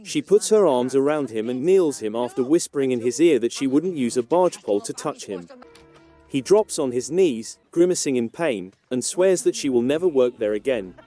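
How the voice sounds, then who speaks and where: A man reading a scripted TV episode recap in a steady, even manner. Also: medium pitch, moderate pace, faint music behind. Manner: steady, even read-through of plot events.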